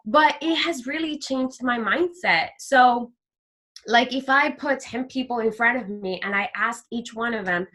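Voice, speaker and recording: A woman talking as an interview guest about her faith, animated and heartfelt, often acting out the voices she quotes. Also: fairly high pitch, unhurried. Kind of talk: heartfelt faith testimony in conversation.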